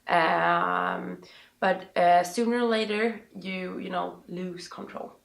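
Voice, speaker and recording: Slow, creaky-voiced Swedish-accented woman. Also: on the low side, steady tone. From Sweden. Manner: halting, searching for words with many pauses. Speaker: interview guest. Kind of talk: interview answers, personal advice. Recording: roomy, echoing sound.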